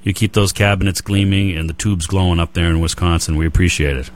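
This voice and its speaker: A man's voice: sits low, steady tone, fast, slight background noise. A man with a Boston accent hosting a radio hobby show, chatting loosely with many fillers and restarts. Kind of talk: casual interview chat.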